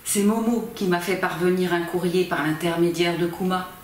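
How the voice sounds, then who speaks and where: With a lowish voice and measured, expressive phrasing, a fifty-something volunteer amateur reader performs a novel theatrically. A camera at a distance recorded her indoors in a small library corner; the sound is very echoey, and faint background noise lingers.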